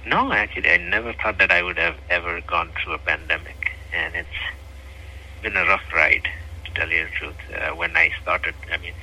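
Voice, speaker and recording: A man's voice: low voice, steady tone, normal speed, pushed and bright, a little hiss or hum, rough recording. A man in his thirties from Nepal with a Nepali accent, a physician guest speaking earnestly in an interview, with many fillers.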